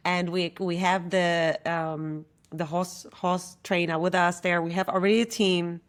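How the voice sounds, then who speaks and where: A woman coach from Germany speaks in a fairly low voice. She talks in a reflective way and grows lively when she tells a story, as a guest in a casual conversation. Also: unhurried.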